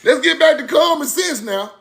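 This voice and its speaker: High-voiced slow man with gravel. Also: animated, fairly bright tone. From Mississippi, USA. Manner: repetitive catchphrases, preachy and emphatic. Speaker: online video host. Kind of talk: casual talk to a live-chat audience.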